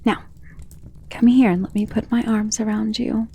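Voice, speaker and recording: In an intimate ASMR romance roleplay, a woman voices a powerful, self-assured female vampire who is protective and possessive of her lover, often sinking into a breathy whisper. Her voice sits on the high side, steady and mellow, at a moderate pace, and the mood is intimate and tender.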